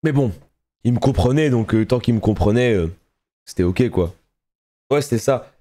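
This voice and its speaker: Give me an excitable man at a desk mic chatting on his live stream, mid-pitched, with lively swings in pitch. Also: moderate pace. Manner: excitable, chatty, laughs often, swears casually. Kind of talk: casual live-stream chat.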